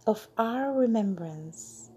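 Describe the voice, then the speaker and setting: A woman leading a channeled guided meditation, soothing and drawn out, with lines that fade into breathy whispers. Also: a little high, animated, slow pace, warm tone.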